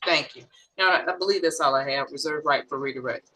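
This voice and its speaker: A woman's voice: deep voice, a little fast, pushed and bright, slightly rough, low-quality recording. A woman prosecutor questioning a witness in court, methodical and step by step. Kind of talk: courtroom direct examination.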